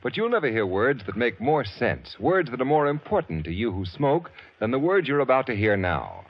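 A husky American male announcer delivers a vintage radio ad. His formal pitch is emphatic and swings up and down, in dull old broadcast sound. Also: very animated, normal speed, dry recording. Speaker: commercial announcer. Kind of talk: 1940s radio advertising read.

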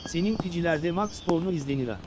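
A man's voice: fairly high pitch, fast talker. A man in crude, mocking banter, heckling a friend through a game. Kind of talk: casual gameplay banter. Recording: noisy background.

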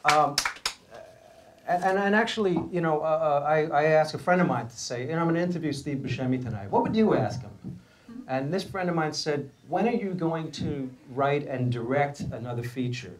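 A middle-aged man hosting a casual onstage interview, halting and stammering, laughing often, speaking into a stand mic in a small hall with an audience. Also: a little high. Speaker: host.

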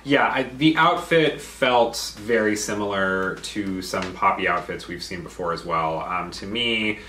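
A man's voice: on the low side, unhurried, pushed and bright. A young man co-hosting a casual doll review chat, chatty and enthusiastic. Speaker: co-host of a doll collecting channel. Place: living room. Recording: roomy sound from a distance with faint music.

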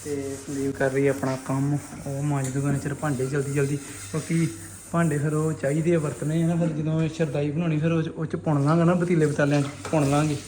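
A man's voice: a little high, little pitch movement, brisk, mellow. A man vlogging casually at home, chatty, giving directions to family as he films. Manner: chatty, instructing family members. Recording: noisy home background.

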